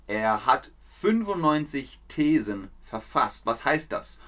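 Slow, lively-voiced male teacher. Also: medium pitch. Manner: expressive, acts out scenes with sound effects and voices; repeats phrases to explain words. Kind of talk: slow, playful explanation for learners.

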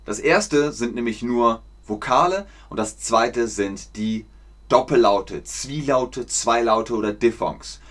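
A man giving a slow, clear German lesson on a live stream, repeating words for learners and chatting with viewers. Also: medium pitch. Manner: chatty, reads out viewer names from chat. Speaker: German teacher.

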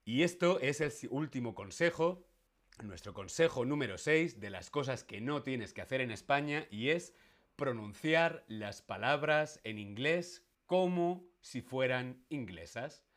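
Slow, playful male teacher. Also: medium pitch, animated, fairly bright tone. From Spain. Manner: asks the audience questions, playful; slow, careful pronunciation. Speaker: Spanish teacher streaming. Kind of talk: live-streamed language lesson.

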